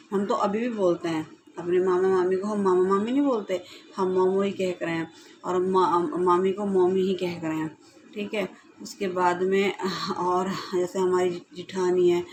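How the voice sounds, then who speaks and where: Flat-voiced woman vlogger. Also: on the low side, a little hiss or hum. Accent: Gujari-inflected Hindi. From North India. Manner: unhurried, repeats phrases, speaks in short clauses. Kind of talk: casual explanatory talk.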